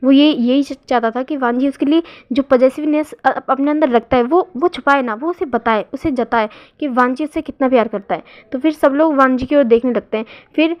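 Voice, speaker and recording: Woman storyteller, high pitch, casual improvised retelling, muffled low-fi sound. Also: a little fast, few pauses. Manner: unscripted retelling with frequent restarts and fillers. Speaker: fan fiction narrator. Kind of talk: storytelling narration. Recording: dull lo-fi recording.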